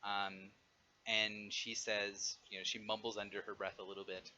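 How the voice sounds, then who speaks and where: A man running an online tabletop game as game master, explaining and narrating in a halting way. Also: lowish voice, flat delivery, pushed and bright. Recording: dull audio with faint noise.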